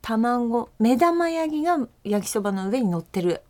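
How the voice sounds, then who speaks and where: A woman host with an Akita dialect, bluntly teasing her guest. Her slightly high voice jumps up and down a lot, and she laughs easily in this casual chat. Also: big pitch swings, moderate pace, a little mellow.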